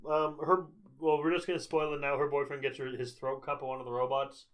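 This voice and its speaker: A man's voice: on the high side, little pitch movement, brisk, fairly bright tone. Dry wry man recapping a film. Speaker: podcast co-host. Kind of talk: casual movie chat.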